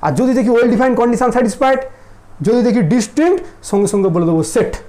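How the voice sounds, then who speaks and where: A man's voice: extremely high pitch, lively intonation, moderate pace, dark tone. Male tutor, casual lecture; teasing, keeps quizzing students with check questions. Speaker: mathematics teacher.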